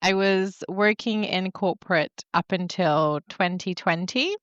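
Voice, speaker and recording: Speaking unhurriedly in a fairly bright, lowish voice, this yoga teacher and wellness coach in her thirties, born in Poland and brought up in England, reflects openly on her life as an interview guest, laughing softly now and then. The audio is dry and dull.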